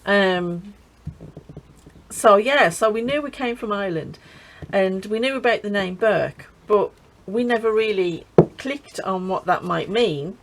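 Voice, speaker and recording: A woman's voice: mid-range voice, a little slow, noisy background. A middle-aged woman chatting casually while crafting, laughing often and restarting her sentences. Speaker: craft channel host.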